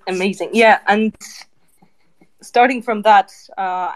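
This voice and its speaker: A woman on a campaign team reporting tweet figures in a casual online audio chat, in a brisk way. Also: medium pitch.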